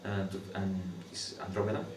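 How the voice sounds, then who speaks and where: A young astronomy PhD student from Guatemala explains what he researches in an interview setting. He speaks in a level, somewhat low voice, and his second-language English is halting and reflective, full of fillers, pauses, and restarts. The audio sounds far off and roomy, with faint background noise.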